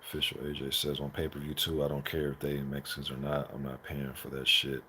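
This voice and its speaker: Deep-voiced guy talking boxing on a livestream, real informal and slangy, chatting with viewers. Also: monotone, brisk, bright, forceful tone, a little hiss or hum. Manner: colloquial, informal slang and swearing. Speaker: livestream host and boxing commentator. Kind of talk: casual live commentary chat with viewers.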